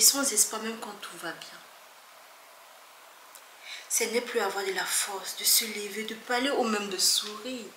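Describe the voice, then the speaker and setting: Earnest woman vlogger, echoey room. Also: medium pitch. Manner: earnest, emphatic, often soft and hushed. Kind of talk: earnest talk to camera. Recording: echoey room with faint background noise.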